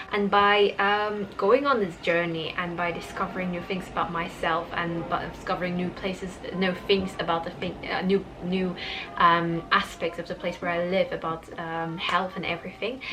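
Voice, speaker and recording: A woman in her twenties chats to her viewers in a relaxed, meandering way. She fills pauses with ums and restarts her sentences. Her voice sits on the lower side, with clear music playing behind her. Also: low-quality recording. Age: 20s. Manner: rambling, frequent ums and restarts. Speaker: vlogger. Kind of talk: casual vlog monologue. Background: background music.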